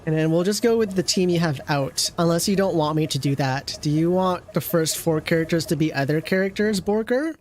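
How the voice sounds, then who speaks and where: Speaking briskly with hardly any pauses, a streamer offers rambling game commentary while joking around with viewers. The voice is middle-pitched, and a little hiss or hum is audible.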